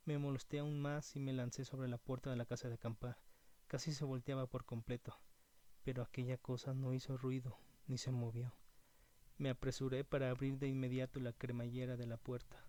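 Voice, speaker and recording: A man with a dark, mellow voice tells a first-person horror story, measured and suspenseful, slowing down at the tensest moments. His delivery stays narrow and even, with a faint ambient hum behind him. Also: medium pitch. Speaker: narrator.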